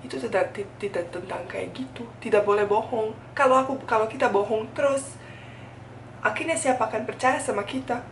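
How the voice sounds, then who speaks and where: A woman's voice: on the high side, a little fast. Echoey foreign woman vlogger. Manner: foreigner speaking fluent colloquial Indonesian as a second language; earnest, emphatic, repeats phrases. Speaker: food YouTuber. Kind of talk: candid confessional talk to camera. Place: indoors at home. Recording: echoey room, distant mic, faint noise.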